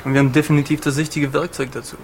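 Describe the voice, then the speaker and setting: A man's voice: fairly high pitch, little pitch movement, very fast, darkish tone, slight background noise, close to an everyday voice. A man playing a cheeky craftsman full of innuendo in a comedic advert, smug and suggestive. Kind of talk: ad acting.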